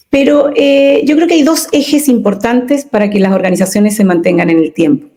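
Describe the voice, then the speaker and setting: A woman speaking as a communication consultant in an interview, expressive and emphatic, often asking rhetorical questions. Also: mid-range voice. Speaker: communication consultant and workshop leader. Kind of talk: interview conversation.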